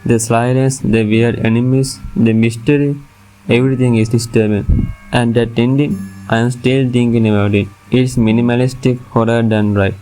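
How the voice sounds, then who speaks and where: A man's voice: mid-range voice, fairly even intonation, normal speed, dark tone, rough recording. A man reading a scripted top ten countdown as its narrator, with music playing behind him. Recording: music under the voice.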